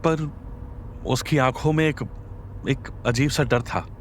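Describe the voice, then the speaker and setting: A man's voice: medium pitch, fairly even intonation, slow pace, a little hiss or hum, close to an everyday voice. A man voicing a nervous, frightened young man who stammers in a horror audio drama. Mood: scared. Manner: stammering, uneasy.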